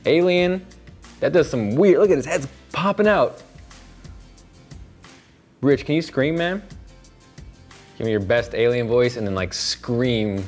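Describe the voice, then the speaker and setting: A young man talks through a gadget review outdoors in a chatty, excited way. His pitch sits in an ordinary middle range. Soft music plays faintly behind him. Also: measured pace, pauses often. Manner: upbeat, chatty, enthusiastic. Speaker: tech reviewer. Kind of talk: casual product review.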